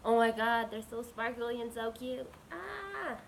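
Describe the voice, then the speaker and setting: A woman with a cold chatting casually and gushing with excitement as she presents an unboxing vlog. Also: a little high, background noise. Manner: gushing, bubbly, drawn-out words. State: slightly sick, with a cold. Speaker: unboxing vlogger.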